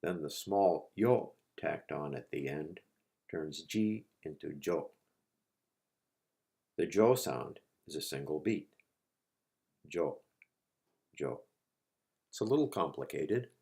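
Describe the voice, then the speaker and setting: A man teaching a language lesson, repeating each word slowly and patiently for learners. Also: a bass voice, expressive, vocal fry, darkish tone. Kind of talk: slow, patient lesson narration.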